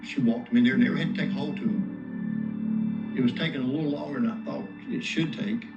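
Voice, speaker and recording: A man's voice: mid-range voice, fairly quick. Plain-spoken man, ex-lieutenant giving an interview; muffled sound, heavy music bed. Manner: plain, matter-of-fact. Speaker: retired sheriff's lieutenant. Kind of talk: interview recollection. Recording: dull audio under loud music.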